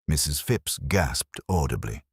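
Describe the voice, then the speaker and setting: Deep male narrator, husky, lively pitch, dry recording, measured audiobook storytelling. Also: dry recording.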